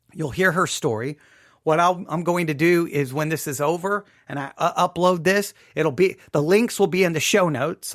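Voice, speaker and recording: Here a podcast host chats casually and emphatically about his personal life, frequently repeating himself to stress a point. The sound is studio quality with no room sound, and his voice runs a little high.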